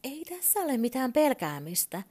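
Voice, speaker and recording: A woman's voice: high voice, sing-song, darkish tone, pitched above the performer's own voice. A woman voicing an impatient, bossy little toy bear in a storybook reading. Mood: brisk. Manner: bossy, exclaiming. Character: small toy bear, brisk, impatient and fussy.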